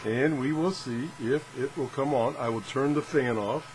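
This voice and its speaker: Speaking at normal speed, a gadget-reviewing video host with a mid-pitched voice tries out equipment in his home workshop. His talk is loose, homespun and self-mocking, while a constant fan hum and room noise sit plainly in the background.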